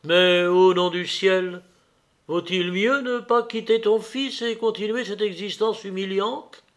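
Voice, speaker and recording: A troubled young officer pleads earnestly with his lover, as a male reader voices him in a slightly raised tone. The delivery is slow and deliberate, like a novel read aloud. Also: a little high, very animated, vocal fry, a bit bright, voice pushed up, exaggerated voice. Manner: earnest, imploring.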